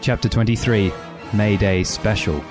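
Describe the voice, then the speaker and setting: A man giving a comedic, deadpan reading of a fan story as narrator. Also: lowish voice, unhurried, music in the background. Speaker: reader.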